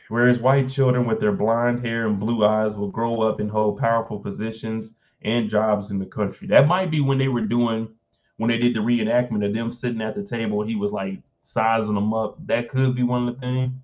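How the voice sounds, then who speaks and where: Man, streamer reading an article aloud, blunt reactions, lowish voice, muffled audio. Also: fairly even intonation, moderate pace. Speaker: live stream host. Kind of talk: casual live stream commentary.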